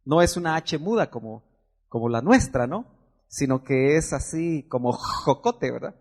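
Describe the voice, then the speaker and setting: A middle-aged man, preaching a teaching sermon as pastor and explaining Hebrew words. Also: normal speed. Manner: lively, rises and drops sharply in pitch and loudness.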